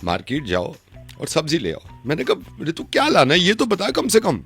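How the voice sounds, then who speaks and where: A man's voice: a little high, huge pitch swings, moderate pace, fairly bright tone, husky, soft background music. A man making a radio prank call, griping and arguing heatedly over the phone. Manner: aggrieved complaining that turns into heated arguing.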